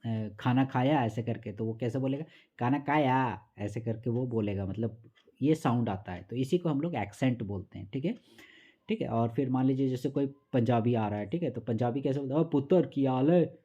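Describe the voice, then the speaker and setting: A man teaching an exam-prep literature lesson, reading lines slowly and then explaining them patiently and repetitively. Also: mid-range voice, warm tone, slightly rough, highs cut off. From Jharkhand or Bihar, India.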